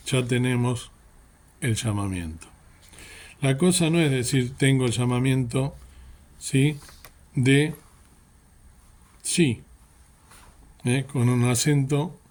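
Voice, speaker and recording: Man, preacher, earnest sermon, rhetorical questions, mid-pitched voice. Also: a little mellow. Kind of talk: sermon reflection.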